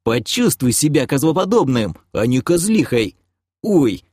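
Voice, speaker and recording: A man's voice: medium pitch, very animated, a little slow, darkish tone, slightly rough, no echo, studio quality, voice pushed up. A man voicing a nervous, embarrassed male healer who pleads in a flustered way. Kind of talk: audiobook character voicing.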